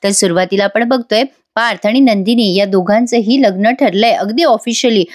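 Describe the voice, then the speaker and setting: A woman's voice: medium pitch, moderate pace, no echo, studio quality. A woman giving a chatty voice-over recap of a TV serial episode, talking straight to her viewers. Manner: chatty, addresses viewers directly. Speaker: TV serial reviewer.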